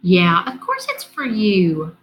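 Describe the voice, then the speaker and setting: A woman's voice: fairly low pitch, wildly swooping pitch, slow pace, a little hiss or hum, full character voice, poor audio. A woman reading the part of a confident, friendly schoolgirl who speaks directly. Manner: warm, direct.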